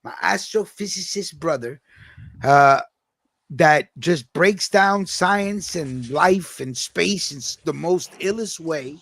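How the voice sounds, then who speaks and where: A man with a New York accent hosts a casual podcast chat and talks in a high voice. He tells stories in a loose, drawn-out, profane way. The recording is dry, with no room sound. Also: creaky, a bit bright, no room sound. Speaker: podcast host.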